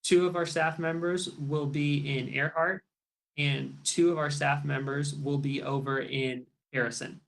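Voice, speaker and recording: A man on a video call reads off practical updates for arriving students in a friendly way. His voice sits a little high for a man and carries a gravelly fry. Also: level tone, a little slow, fairly bright tone, poor audio. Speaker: staff organizer giving updates. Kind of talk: informational webinar updates.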